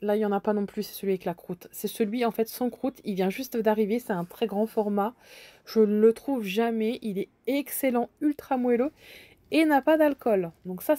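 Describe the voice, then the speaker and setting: A woman's voice: a little high, mellow, no room sound. A woman casually walking through supermarket aisles, chatting and thinking aloud as she points out deals, with frequent hesitations. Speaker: bargain-hunting vlogger.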